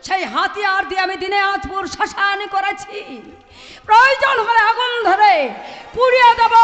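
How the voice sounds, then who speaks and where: A very shrill, vengeful princess. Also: female voice. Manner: impassioned, declamatory, repeats phrases. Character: wronged, vengeful daughter of a ruler, fierce and anguished. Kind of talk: Bengali jatra historical stage acting. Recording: reverberant hall, faint music behind.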